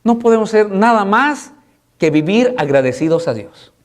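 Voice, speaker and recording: A man preaches as pastor, his voice sitting somewhat high for a man. He pushes loud, soaring exhortations and then drops into quiet, low pleading. Repeated rhetorical questions drive his sermon. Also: very animated, normal speed. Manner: swings between loud high exhortation and low soft passages.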